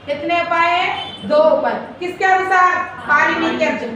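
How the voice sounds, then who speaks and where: A woman's voice: extremely high pitch, normal speed, bright, forceful tone, a little hiss or hum. A woman teacher giving a classroom lecture, explaining points and quizzing her listeners as she switches between two languages. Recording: very echoey room audio, voice from a distance, faint ambience.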